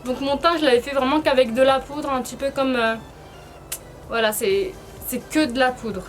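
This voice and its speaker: Woman with braces, high voice, music behind. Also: steady tone, moderate pace. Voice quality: slightly impeded speech from painful dental braces. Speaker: beauty vlogger presenting a tutorial. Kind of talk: casual chatty makeup-removal tutorial.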